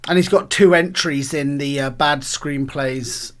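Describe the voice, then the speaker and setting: A man's voice: a little high, unhurried. A man co-hosting a podcast, chatting casually and reading a screenplay aloud, joking and laughing often. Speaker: podcast co-host.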